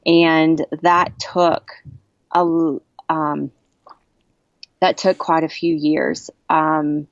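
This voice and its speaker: Guest woman, earnest and emotional, lower voice, halting speech, dull dry lo-fi recording. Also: little pitch movement, no room sound. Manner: earnest, halting, with frequent restarts; emotional, gets worked up. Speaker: podcast guest. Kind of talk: personal storytelling in a podcast interview.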